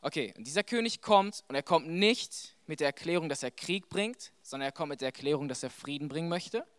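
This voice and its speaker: A young adult man giving a conversational sermon to a church audience, animated and full of fillers. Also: on the high side, brisk, clean tone, no echo. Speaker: preacher.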